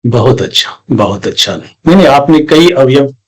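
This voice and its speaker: A man's voice: medium pitch, animated, moderate pace. A man, a professor, hosting an interview, speaking courteously and affirming his guest, with English terms mixed into his questions.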